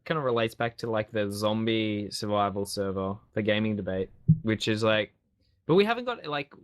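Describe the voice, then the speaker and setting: A man's voice: lowish voice, lively intonation, moderate pace. A man with a New Zealand accent chatting casually on a gaming podcast, rambling and repeating himself as he goes. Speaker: podcast host.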